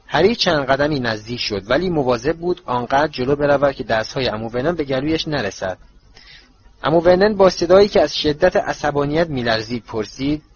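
A man's voice: mid-range voice, a little hiss or hum. Man narrating an audiobook, lo-fi. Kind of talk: scripted narration.

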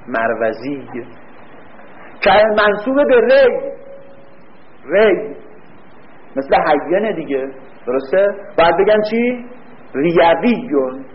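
Male teacher, pitch leaps and dips a lot, asks the room and answers himself, muffled lo-fi recording. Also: slight background noise. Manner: quizzes the class and answers his own questions; reads a line slowly, then explains it quickly. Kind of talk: classroom lecture on grammar. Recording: dull lo-fi recording.

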